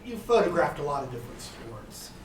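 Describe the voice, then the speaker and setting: A man's voice: fairly high pitch, big pitch swings, fairly quick, crowd noise. A man in the audience asking a question, hesitant and repeating words. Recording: distant, noisy, roomy recording.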